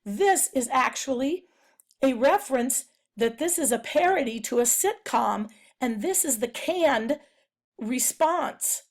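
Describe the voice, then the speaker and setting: A woman giving a narrated presentation analysing a novel, speaking in a measured, explanatory way. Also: sits high, lively intonation. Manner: measured, explanatory, reads quotes aloud.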